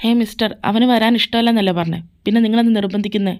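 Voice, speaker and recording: A woman's voice: mid-range voice, steady tone, racing, a little mellow, natural voice. A woman voicing a young man who steps in to defend someone in a fan audio drama, challenging and confrontational. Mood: defiant. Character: young man stepping in, defiant bystander. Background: faint background music.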